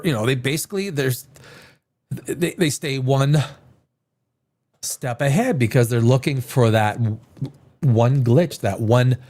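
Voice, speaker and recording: A man with a mid-range, slightly mellow voice hosts a live reaction show while sniffling from a head cold. He rambles, repeating words and restarting his sentences often.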